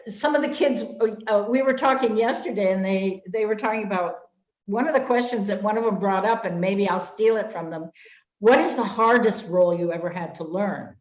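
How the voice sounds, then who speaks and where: A woman's voice: mid-range voice, moderate pace. An older woman hosts a conversation with a singer, her voice sitting in an ordinary middle register. She talks in a chatty, reminiscing way, dotted with fillers. The recording carries a noticeable room echo from a video call. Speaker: host and voice teacher. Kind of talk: conversational interview.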